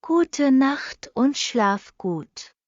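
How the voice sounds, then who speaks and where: A woman reads short practice sentences for learners at a very unhurried crawl, repeating each one. Her voice sits a little high, and the recording is dry and slightly dull. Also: lively intonation, darkish tone, no room sound. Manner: reads each sentence twice, very slowly and evenly. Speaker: language lesson reader. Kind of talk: slow repeated phrase reading for learners.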